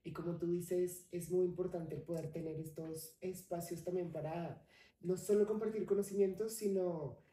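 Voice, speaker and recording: A young adult woman from Colombia speaks, her voice somewhat low and very mellow. She tells her story in a lively, playful way as a podcast guest. The sound is roomy, with the mic some distance off. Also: moderate pace. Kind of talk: casual interview chat.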